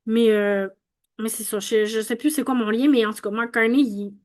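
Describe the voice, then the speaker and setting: A woman's voice: fairly high pitch, steady tone, moderate pace, darkish tone. A young woman with a Quebec French accent, casually explaining vowel sounds and thinking aloud as she goes, with many restarts and fillers. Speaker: host explaining phonetics.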